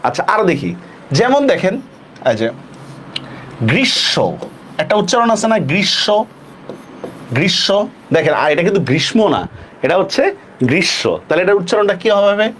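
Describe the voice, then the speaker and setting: A young man with a Bangladeshi Bengali accent and a notably high voice leads a pronunciation lesson. He keeps quizzing his listeners and sounds out each word slowly to demonstrate it. A faint hum of ambient noise sits under his voice. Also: lively intonation. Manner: questioning, repeats words slowly to demonstrate. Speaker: teacher.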